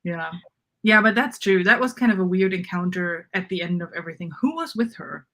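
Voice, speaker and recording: A woman co-hosting a casual fan chat about fantasy novels thinks aloud informally, often trailing off mid-thought. Her lowish voice is expressive and fairly bright, and she talks briskly.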